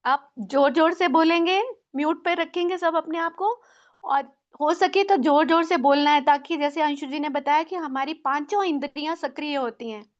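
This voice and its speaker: A woman leading an online group through mirror affirmations, gentle and coaxing as she shows how to praise and thank yourself. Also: high-pitched, moderate pace, lo-fi sound. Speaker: mirror-talk guide. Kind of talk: guided self-affirmation session.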